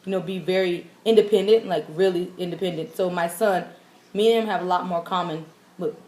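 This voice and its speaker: A woman's voice: fairly low pitch, a little fast, a little mellow. A woman guest in a casual chat who speaks bluntly and says exactly what she means. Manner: blunt, straightforward. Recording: echoey room.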